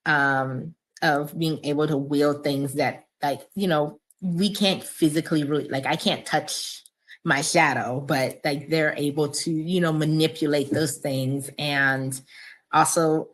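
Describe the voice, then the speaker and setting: Low-pitched woman author guest, chatty, lots of ums and laughs. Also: steady tone, a little slow. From United States, Cameroonian parents. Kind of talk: casual interview chat.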